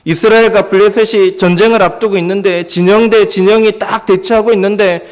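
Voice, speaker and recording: A man's voice: high voice, fairly even intonation, fairly quick. A man preaching a Sunday sermon as pastor, now and then acting out the voices of the people in the story with raised intensity. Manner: dramatizes the disciples' cries in a raised voice. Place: church sanctuary. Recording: long church hall reverb.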